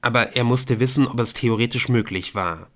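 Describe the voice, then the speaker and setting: A man reading a novel aloud as an audiobook narrator, in a steady, measured storytelling voice. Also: medium pitch. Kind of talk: scripted narration.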